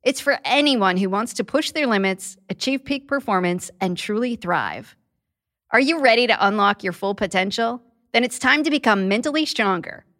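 A woman's voice: medium pitch, animated, moderate pace, a bit bright. A woman who hosts a podcast, reading a scripted promotional spot. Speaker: podcast host, therapist.

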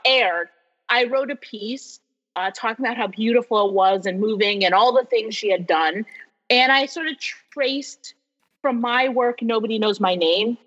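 A woman from New York in her forties, a professor telling stories as an interview guest in an animated way, laughing often. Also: a little high. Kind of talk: casual storytelling interview. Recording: dull lo-fi sound with long reverb.

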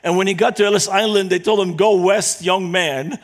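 A man's voice: high-pitched, steady tone, fairly quick. A middle-aged man from Lebanon, speaking as guest speaker to a church, earnest and humorous with stories. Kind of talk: church talk to a congregation.

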